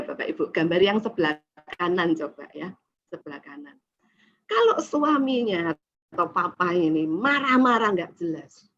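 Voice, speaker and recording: A woman giving a lively talk to parents, turning to the audience often and acting out family scenes. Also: mid-range voice. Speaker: parenting seminar speaker. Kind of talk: presentation to parents. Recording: dull lo-fi recording with faint noise.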